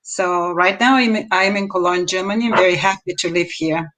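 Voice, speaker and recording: Speaking from home over a video call, this interview guest, a woman in her fifties with a Bulgarian accent, gives answers that share her personal story. Her voice is lowish and fairly bright, and her delivery is measured and deliberate, marked by emphatic rises.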